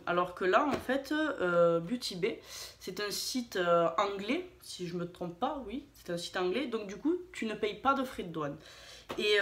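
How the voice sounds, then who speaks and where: A beauty vlogger with a mid-range voice chats casually in a haul and swatch video, recorded in an echoey room with slight background noise. She's hesitant, full of fillers and restarts, and pokes fun at herself.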